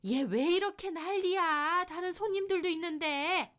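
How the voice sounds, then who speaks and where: Woman putting on a shrill bossy mother-in-law, screechy high voice, yelling at her daughter-in-law. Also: moderate pace. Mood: scolding. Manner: shrill, scolding, high and loud.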